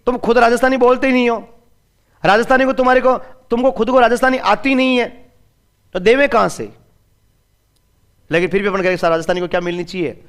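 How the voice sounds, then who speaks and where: A man's voice: very high voice, a little fast, long pauses, clear, resonant tone. A man teaching an exam-prep class in a chatty way. He asks his students questions and then answers them himself, and he drops in phrases of local dialect. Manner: slips into regional dialect phrases. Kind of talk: classroom lecture.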